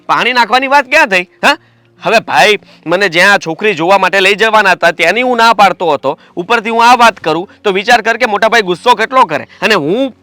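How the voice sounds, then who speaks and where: Timid young lover, high voice, dry close sound, hesitant and pleading. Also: male voice, lively intonation, a little fast, sharp tone, no room sound. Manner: hesitant, pleading, then rambling. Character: nervous young man afraid of his elder brother. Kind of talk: film dialogue.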